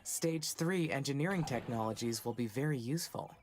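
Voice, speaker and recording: A calm, low-voiced station AI. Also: female voice, brisk, a little hiss or hum. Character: calm female AI orbiting a planet.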